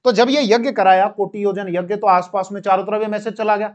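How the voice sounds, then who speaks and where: Male history teacher with a high voice, explaining with asides and corrections. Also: steady tone, brisk, highs cut off. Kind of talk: classroom history lecture.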